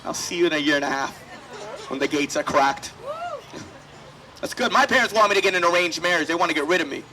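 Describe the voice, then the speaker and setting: A man's voice: on the high side, fast, noisy background. A man doing profane stand-up crowd work on an outdoor festival stage. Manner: profane, conversational crowd banter. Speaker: stand-up comedian.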